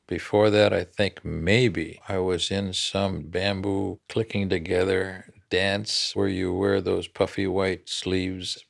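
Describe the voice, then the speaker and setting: A man's voice: sits low, vocal fry. An older man recalling his childhood in an interview, plainspoken and reflective. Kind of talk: reminiscing interview.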